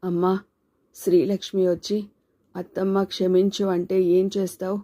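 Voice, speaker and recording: A woman reading as a quiet troubled son. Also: on the low side, level tone, lo-fi sound, lightly acted. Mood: subdued. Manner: soft, slow, subdued.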